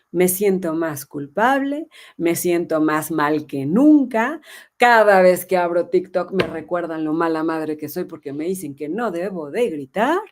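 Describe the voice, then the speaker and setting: A woman, hosting a live parenting talk and answering viewer comments, earnest and emphatic, with soft asides in the voice of a hurt inner child. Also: fairly low pitch.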